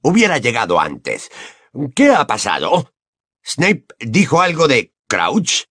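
A man voicing a gruff, limping old fighter with a hissing growl, irritable in tone. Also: mid-range voice, wildly swooping pitch, takes it slowly, fairly bright tone, dry recording, studio quality, pitched above the performer's own voice, heavily acted. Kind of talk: audiobook character voice.

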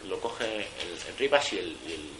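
A man's voice: low-pitched, moderate pace, a little hiss or hum, rough recording. A man recounting his own experiences in a casual, colloquial way, blunt and full of slang and swearing, restarting his sentences as he goes. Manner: animated retelling, with many restarts. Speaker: former prisoner giving a testimony. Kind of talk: casual spoken storytelling.

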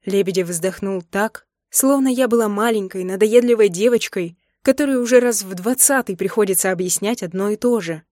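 A woman reading a novel aloud in first person, expressive and dramatic. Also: medium pitch, brisk, few pauses, dry recording, studio quality. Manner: expressive, acts out emotional dialogue. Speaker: audiobook narrator. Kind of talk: first-person audiobook narration.

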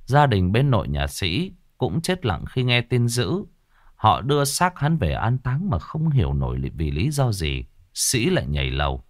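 A man's voice: fairly low pitch, very animated, normal speed, dry recording, studio quality. A man reading a scripted horror story aloud, dramatic and lingering on gruesome detail.

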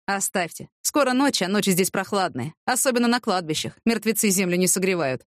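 A woman's voice: mid-range voice, expressive, a little fast, no room sound, studio quality, close to an everyday voice. Woman reading as a wry streetwise homeless man. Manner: drawling, mocking street talk.

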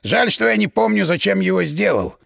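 A tipsy inventor who shrugs everything off with weary irony, as a male reader puts him on. The voice has a gravelly texture and lively turns in pitch, recorded dry and close. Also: a little fast, no echo, full character voice. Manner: ironic, weary. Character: lazy, boozy male inventor, ironic.

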